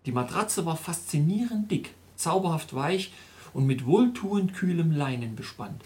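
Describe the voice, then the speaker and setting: A man, host of a storytelling podcast, narrating his own travel story in scripted first person with measured, detailed telling. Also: fairly high pitch, expressive.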